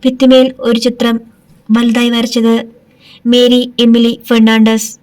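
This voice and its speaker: A woman narrating an audiobook in a steady storytelling manner. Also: a little high, slow pace. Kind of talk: scripted narration.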